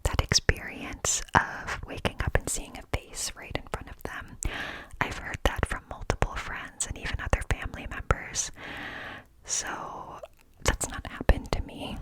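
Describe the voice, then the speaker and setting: Woman whispering quietly, as at night. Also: poor audio. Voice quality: breathy unvoiced cupped whisper. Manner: hushed, quiet-at-night confiding; casual, rambling, conversational. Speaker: ASMR storyteller. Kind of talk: ASMR whispered storytelling. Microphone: close microphone with cupped hands.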